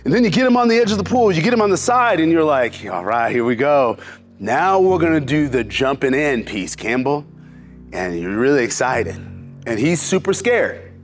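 A man in his forties giving an animated, preacher-like inspirational faith talk, telling stories about his children. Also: fairly high pitch, moderate pace, soft background music. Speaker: motivational speaker.

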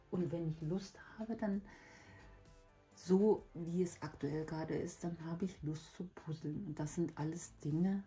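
A woman chatting casually and reflectively to her viewers, hoarse from a lingering cough, her weak voice giving out and breaking into breathy whisper. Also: lowish voice, warm tone, low-quality recording. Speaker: hobby video host. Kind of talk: casual personal chat to viewers.

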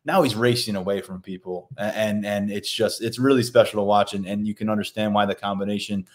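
A man's voice: lowish voice, steady tone, a little fast. A man co-hosting a sports podcast as a beat reporter, steadily relaying what players told him after the game. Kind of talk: casual sports podcast analysis.

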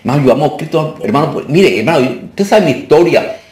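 A man's voice: on the high side, expressive, fast talker, darkish tone, distant mic. A man leading a fervent deliverance prayer and sermon, repeating commands for the crowd to echo. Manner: fervent, repetitive call-and-response commands; breaks into song. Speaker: deliverance preacher. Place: church conference hall.

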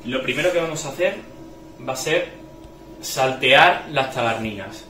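Speaking at a measured pace in an expressive, mid-range voice, a man demonstrates a recipe as a chef, step by step, frequently checking on his viewers. The small tiled restaurant kitchen sounds echoey, filled with frying and the sizzle of a pan.

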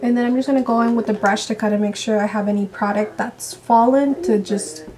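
A young woman chatting excitedly and quickly through a casual makeup vlog at home. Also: mid-range voice. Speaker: vlogger.

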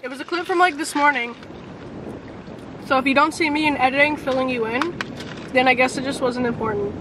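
A woman's voice: high voice, fairly quick. A teenage girl chatting casually for a vlog in a parked car, rambling from topic to topic. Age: teens. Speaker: vlogger. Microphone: camera on dashboard. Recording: car with wind noise.

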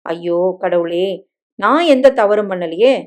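A woman's voice: medium pitch, measured pace, darkish tone, natural voice. A woman voicing a shy, hurt young bride in a dramatic story reading, with a pleading, emotional manner.

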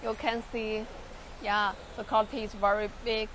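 A young Chinese woman touring a large factory workshop in halting English with a Chinese accent, repeating words and using many fillers, filmed on a handheld phone. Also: mid-range voice, flat delivery, background noise. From China. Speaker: factory tour guide. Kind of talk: live factory tour walkthrough. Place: large industrial workshop and outdoor factory yard.

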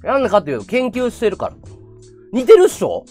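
Brief: chatty male streamer, pitch leaping all over, faint music in the background. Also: fast talker. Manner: chatty, animated, laughs a lot. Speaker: livestream host. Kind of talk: casual chat to viewers.

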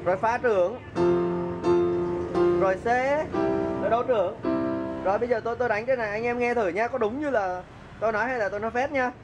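A man's voice: extremely high pitch, fast, long pauses, muffled recording, loud music behind the voice. A man giving a casual keyboard lesson, chatty, counting beats aloud and humming melodies as he plays. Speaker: music teacher. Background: keyboard playing.

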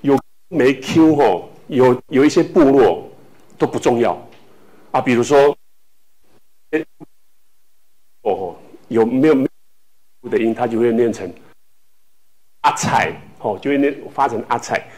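A man from Taiwan teaching a language class, speaking slowly with many filler tags and repeating words for students to echo. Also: medium pitch, mellow. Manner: filler-heavy speech with frequent "hou" tags.

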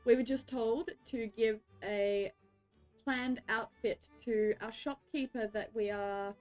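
A woman's voice: on the high side, steady tone, slow pace, a little mellow, faint music behind. An Australian woman streaming a game, chatting casually with viewers and greeting them with frequent giggles. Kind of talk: casual livestream chat.

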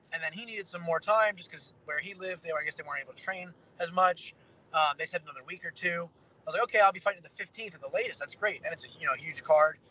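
A young fighter chats over a phone-camera video call from his parked car, sounding upbeat and rambling through many fillers. His voice sits high, bright and forceful, while the call audio is slightly dull with a faint car hum behind it.

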